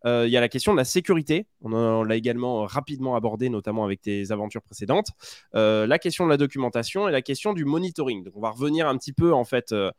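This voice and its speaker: A man of middling pitch hosts a podcast interview, asking questions in a loose, hesitant way full of fillers. The recording is dry, with no room echo. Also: lively intonation, fast, darkish tone. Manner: hesitant, many fillers, self-deprecating. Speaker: podcast host.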